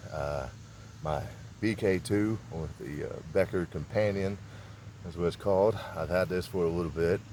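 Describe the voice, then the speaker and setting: Man with a low voice, easygoing survival demo outside, faint crickets behind. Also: a little mellow, slight background noise. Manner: laid-back, rambling, folksy. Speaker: survival vlogger. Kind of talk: casual outdoor demonstration. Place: outdoors in a rural area.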